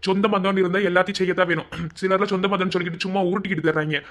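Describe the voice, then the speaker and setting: Brief: a man playing a quick-talking, high-voiced Madurai villager who teases his friends. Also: flat delivery, a bit bright. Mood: advising. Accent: Madurai Tamil. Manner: blunt, teasing, slangy.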